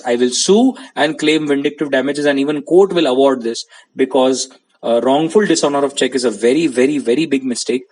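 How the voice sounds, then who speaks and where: A man from India lectures on contract law in a slightly high voice. He moves between Hindi and English and keeps stopping to check that his students are following along. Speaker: law teacher. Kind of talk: classroom-style lecture.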